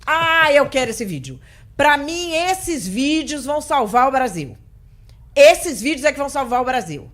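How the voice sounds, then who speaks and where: A middle-aged Brazilian woman hosts a political talk show interview, her high voice very animated, a little slow and fairly bright. She speaks bluntly and indignantly, though in a conversational tone.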